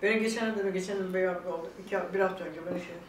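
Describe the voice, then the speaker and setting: A woman's voice: on the low side, fairly even intonation, racing, distant mic. An older woman in casual, emotional chat who is tearful and laughing by turns and quotes the people around her. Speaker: vlog guest talking about her illness. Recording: echoey room picked up from afar, faint background noise.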